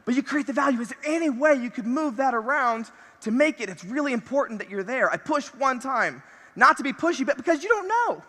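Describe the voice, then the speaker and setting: A man with a very high, forceful voice delivers a motivational talk from a stage mic. He speaks in punchy bursts and hammers his key phrases again and again. His voice rings through a big convention hall with a long reverb tail. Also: a little fast. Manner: energetic, punchy, repeats key phrases, laughs between points.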